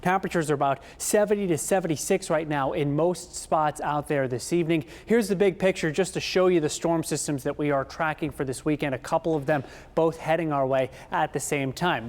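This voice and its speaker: A male meteorologist gives the forecast in a relaxed, conversational way. His voice has a long studio reverb. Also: a little high. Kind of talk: weather forecast.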